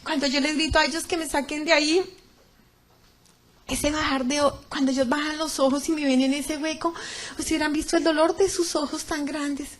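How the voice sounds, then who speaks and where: Woman, Colombian accent, middle-aged, high voice, religious testimony, dramatic, fervent, loud cries and hushed tones. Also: level tone, normal speed. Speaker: testimony speaker.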